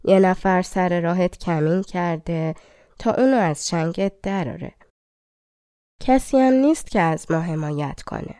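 A woman voicing a scheming older brother who speaks in a flattering, coaxing way. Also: on the low side, clean tone, dry recording, studio quality, close to an everyday voice. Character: scheming older brother, man, falsely sweet.

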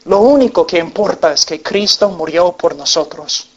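A man preaching a passionate sermon in Spanish to young people, pleading and climbing to loud peaks. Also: sits high, moderate pace, highs cut off. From United States. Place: meeting hall.

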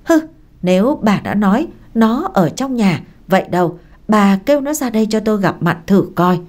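A woman voicing a hot-tempered old village man who yells and scolds. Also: mid-range voice, very animated, normal speed, natural voice. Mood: furious. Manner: yelling, scolding.

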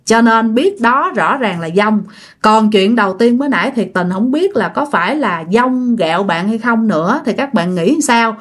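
A woman with a Southern Vietnamese accent narrating ghost stories in a chatty, casual way and speaking straight to her listeners. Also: medium pitch. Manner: chatty, addresses listeners directly. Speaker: storyteller.

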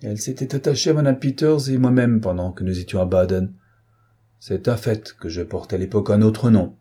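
A man's voice: fairly low pitch, fairly quick, mellow, breathy edge. A man reading an audiobook who voices a blustering, indignant middle-aged man with a mocking, rising delivery. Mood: pleading.

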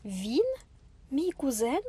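A woman's voice: high voice, lively intonation, moderate pace, darkish tone, no echo, pitched above the performer's own voice. A woman voicing a spoiled, bossy young girl in an audiobook, imperious and indignant. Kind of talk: audiobook character voice.

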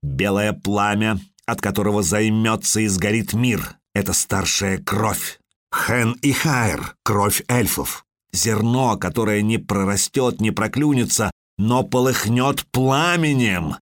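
A man's voice: fairly low pitch, slow, no echo, clean studio sound. A man voicing a cold, hostile spirit with a metallic, mocking voice in an audiobook. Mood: ominous. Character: cold hostile male spirit speaking through a child.

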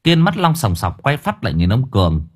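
A man narrating an audiobook story in a lively, animated way. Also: medium pitch, brisk, slightly rough.

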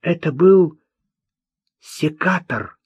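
A man's voice: a little high, lively intonation, drawn-out words, breathy edge, no room sound, pitched above the performer's own voice, heavily acted. Man doing a bitter simple-minded young man. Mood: resentful. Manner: childish, blunt, hate-filled. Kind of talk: audiobook character voice. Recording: dull dry lo-fi recording.

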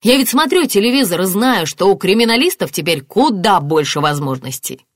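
A woman's voice: medium pitch, lively intonation, brisk, dry recording, clean studio sound, voice pushed up, close to an everyday voice. A woman voicing a furious grieving father. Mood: bitter. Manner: shouting, raging.

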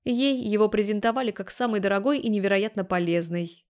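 A woman's voice: mid-range voice, fairly quick, a little mellow, natural voice. A woman voicing a blunt, ironic young man who speaks matter-of-factly, in an audiobook. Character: laid-back ironic young blond man.

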